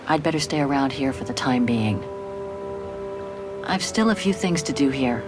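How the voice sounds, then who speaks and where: A woman's voice: rumbling low, expressive, normal speed, over music. An actress playing a weary, wry adventurous woman in a naturalistic video game style, often muttering to herself. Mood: firm, reluctant.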